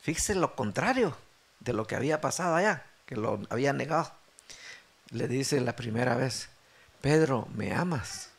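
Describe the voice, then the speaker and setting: A middle-aged man preaching a sermon as pastor, acting out the dialogue with animated delivery. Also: medium pitch, normal speed, vocal fry, slightly rough.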